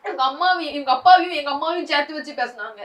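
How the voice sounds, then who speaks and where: Fast-talking distressed young woman. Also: sits high, recorded from a distance, crowd noise. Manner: distressed, pleading, talks fast. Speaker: interview guest. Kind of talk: emotional interview.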